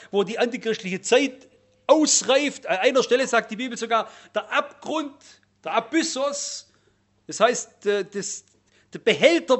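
A man preaching a sermon, emphatic, rising loud and dropping low as he reels off lists.

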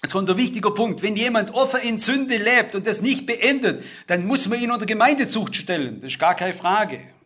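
Middle-aged male preacher, emphatic sermon delivery, high and sharp-toned. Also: lively intonation, normal speed, few pauses, breathy edge. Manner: emphatic, swings between loud stress and low asides.

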